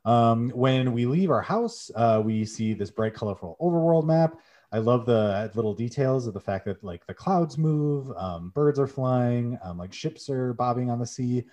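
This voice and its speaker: A man's voice: mid-range voice, lively intonation, moderate pace, dark tone. A young man co-hosting a podcast, chatting with enthusiasm as he retells a game's plot with frequent "um"s. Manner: enthusiastic, many "um"s, summarizes plot. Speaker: podcast co-host. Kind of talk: casual podcast chat.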